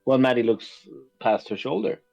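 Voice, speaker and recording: Swedish man narrating his character, halting. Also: medium pitch, lively intonation, gravelly, a little mellow, highs cut off, soft background music. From Sweden. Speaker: player. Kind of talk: tabletop game chat.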